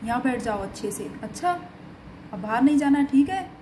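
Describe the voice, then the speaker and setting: A woman's voice: a little high, expressive, normal speed, mellow, slight background noise, pitched below the performer's own voice, close to an everyday voice. A woman voicing a grown man, an uncle doll who scolds the children yet comforts them, in a doll-play story.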